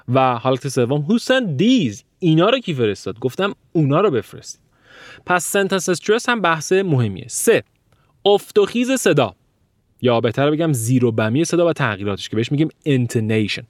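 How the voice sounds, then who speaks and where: A man teaching a language lecture, stressing words and letting his pitch rise and fall sharply to demonstrate intonation, and slowing down to spell out example sounds. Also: dry recording, studio quality.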